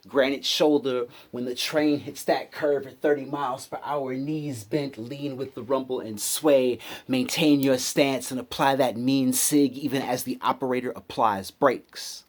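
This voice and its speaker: A man from a US city performs spoken word poetry with a hip-hop cadence, rhythmic and emphatic, pausing deliberately between phrases. His voice is medium in pitch.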